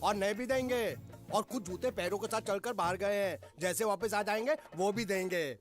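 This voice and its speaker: A man's voice: high-pitched, moderate pace, soft background music, close to an everyday voice. A man playing a blustering household manager. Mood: bossy. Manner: blustering, threatening. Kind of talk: film comedy acting.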